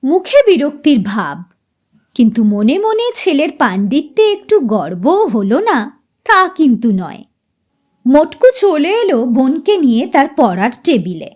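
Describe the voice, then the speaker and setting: A woman's voice: high-pitched, measured pace. A woman reading a funny short story aloud, narrating expressively. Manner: expressive, dramatic.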